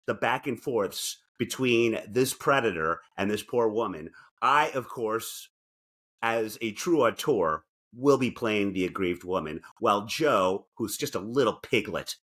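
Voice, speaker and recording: A podcast co-host's medium-pitched, slightly bright male voice trades casual comedic banter with a partner. He reads aloud from articles and drops in theatrical, mock-indignant asides.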